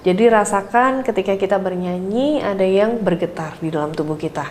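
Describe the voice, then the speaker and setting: Teaching a singing lesson online, this female vocal coach chats warmly with her learners, peppering her talk with "eh" fillers and singing scales and warm-up syllables between explanations. Her voice is mid-range and fairly quick, with a little hiss or hum in the background.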